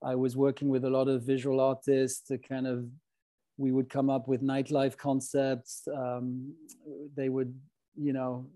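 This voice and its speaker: Speaking unhurriedly in a warm, medium-pitched monotone, the guest, a middle-aged company founder from French-speaking Switzerland, recounts his own story in an interview, hesitant and reflective but conversational.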